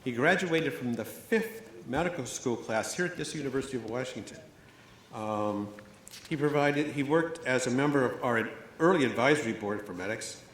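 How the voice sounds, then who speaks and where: An older man giving a measured, storytelling award speech at a graduation ceremony, partly read aloud. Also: medium pitch, a bit bright, slight background noise. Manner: measured, storytelling delivery with fillers. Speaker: award presenter. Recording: echoey hall, faint ambience.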